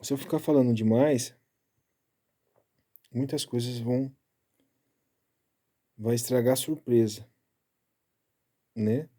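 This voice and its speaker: Very dark-voiced man teaching Bible. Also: mid-range voice, steady tone, slow pace, long pauses. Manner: chatty, keeps tagging lines with "né?"; explaining Hebrew letters and pronunciation step by step. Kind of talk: casual Bible study talk.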